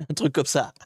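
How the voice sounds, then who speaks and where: A man streaming live, chatting with his viewers as he hunts through online maps and grumbles at the software. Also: a little high, slightly rough, dry recording, studio quality. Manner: chatty, talks to chat while searching maps, mildly exasperated. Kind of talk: live-streamed geography puzzle commentary.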